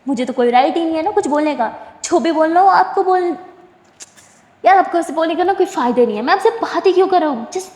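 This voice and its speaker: A sulky young man lashing out in quick, climbing bursts, voiced by a woman telling the story. Her voice sits a touch high for a woman. A long reverb hangs in the room. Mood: angry. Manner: sharp, rising outbursts. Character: young man, hurt and sulky, snapping angrily.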